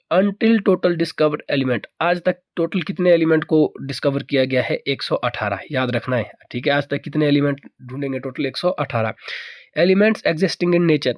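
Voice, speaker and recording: A man's voice: on the high side, no echo, studio quality. A man teaching an exam-prep chemistry lesson, asking questions and answering them himself while repeating key points.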